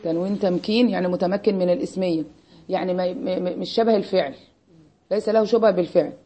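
In a fast, dark-toned, lowish voice, an Egyptian woman runs an Arabic grammar class. She constantly tests her students through call-and-response, repeating "what?" as a prompt.

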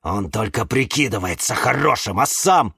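A man voicing a suspicious, indignant male cactus in a children's audiobook, accusing and shouting. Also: fairly low pitch, expressive, normal speed, vocal fry, breathy edge, dry recording, clean studio sound, heavily acted. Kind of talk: audiobook character voice.

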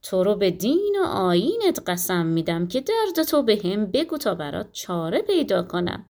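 A woman voicing a seasoned older nurse who scolds and coaxes a young girl in a storybook tale. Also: medium pitch. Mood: coaxing. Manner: scolding, coaxing, animated. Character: seasoned older nurse, stern but doting.

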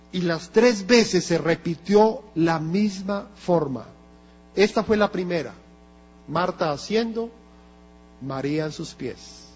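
Slow, emphatic Colombian male preacher. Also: sits high, darkish tone, husky. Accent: Colombian Spanish. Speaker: pastor. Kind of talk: sermon. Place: church hall. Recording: lo-fi church recording with long reverb and mains hum.

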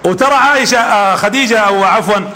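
A man's voice: high-pitched, fast talker, sharp tone. A man preaching a sermon, telling stories with animation and quizzing his audience.

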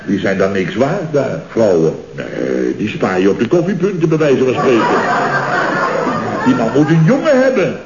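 An actor playing a chatty, boastful boss of a construction firm in a 1960s radio comedy, talking in rambling, jovial asides. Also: male voice, mid-range voice, big pitch swings, normal speed, over loud music, a loud crowd. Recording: dull, roomy old radio recording.

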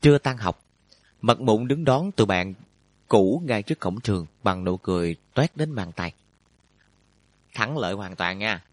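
A man narrating a storybook in a steady, even way. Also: on the low side, moderate pace, no echo. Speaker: audiobook narrator.

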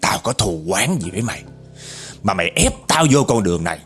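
A man voicing a vengeful, wronged female ghost, speaking in a deep raspy voice with bitter, accusing growls. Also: very animated, a little fast, fairly bright tone, soft background music, exaggerated voice. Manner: bitter, accusing, growling through clenched teeth.

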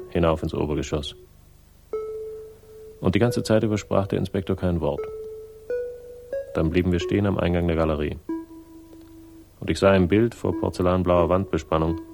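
An actor gives a gravelly, low-pitched voice to a world-weary, sardonic crime sleuth narrating his own story in a 1960s German radio crime drama. The man's delivery is dry and laconic, full of irony, across both first-person narration and dialogue.

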